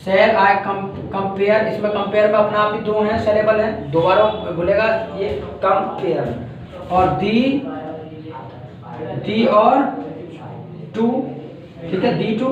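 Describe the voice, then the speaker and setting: A man's voice: high-pitched, muffled recording. An Indian man teaching a class, explaining step by step and repeating each point, checking that students follow. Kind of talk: classroom lecture. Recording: very echoey room from far off.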